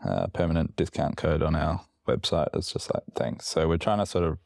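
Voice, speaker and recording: A man's voice: a little fast, a little mellow, dry recording, clean studio sound. A man co-hosting a casual podcast chat, rambling with fillers and restarts, a bit woozy from medication. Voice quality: very low, gravelly voice. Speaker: podcast co-host.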